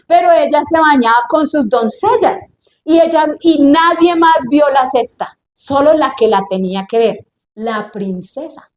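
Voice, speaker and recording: A woman preacher, giving an animated sermon and acting out the scenes she describes. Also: high-pitched, measured pace. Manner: animated, acts out scenes in voices. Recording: echoey church room.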